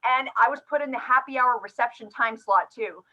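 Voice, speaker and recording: A woman hosting a podcast, chatty and fond of self-deprecating stories. Her voice is bright and sits a little high. The audio is slightly dull and lo-fi. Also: brisk. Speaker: podcast host. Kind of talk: conversational interview.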